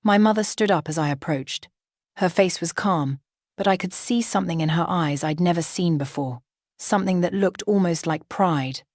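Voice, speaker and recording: A woman narrating a first-person story in a steady, dramatic way. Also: lowish voice, normal speed, no room sound, clean studio sound.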